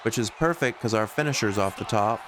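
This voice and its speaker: A man's voice: lowish voice, fairly quick, background noise. A man streaming a video game, giving casual commentary and thinking aloud in a conversational way.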